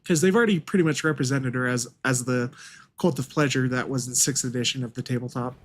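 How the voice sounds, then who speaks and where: A man's voice: medium pitch, quick pace. A man thinks aloud in casual commentary as he plays a strategy game. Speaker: gaming video host.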